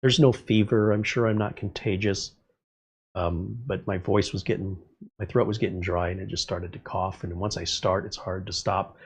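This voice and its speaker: His voice sits low and slightly rough, moving at a moderate pace with fairly even intonation. He's a middle-aged man, a little congested, hosting a laid-back livestream where he rambles and reads viewers' comments out loud.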